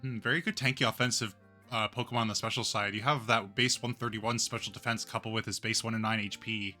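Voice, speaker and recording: Bright-voiced young man hosting a draft. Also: on the low side, steady tone, fast, faint music behind. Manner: upbeat, analytical, with many fillers. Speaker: league coach and draft host. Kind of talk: casual stream chat.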